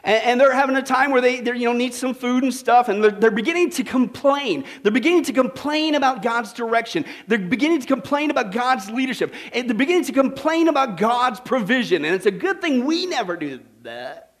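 A man preaching a sermon as pastor, animated and full of rhetorical questions that he keeps checking with "okay?". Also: extremely high pitch, fairly quick, hardly any pauses.

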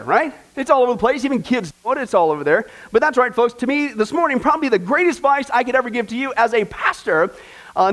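A man's voice: extremely high pitch, fairly bright tone. A man preaching as a pastor at a church service, joking and emphatic, often asking the congregation questions. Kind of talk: sermon.

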